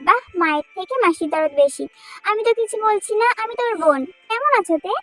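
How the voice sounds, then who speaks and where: A woman's voice: very high-pitched, animated, fairly quick, fairly bright tone, faint music behind. A woman voicing a cheeky young brother who bickers with his friends.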